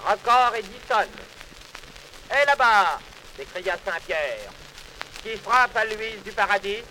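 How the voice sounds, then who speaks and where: A man's voice: high voice, very animated, takes it slowly, pushed and bright, a little hiss or hum, poor audio. A man reciting a poem in a theatrical, declamatory stage manner. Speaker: reciter of poetry.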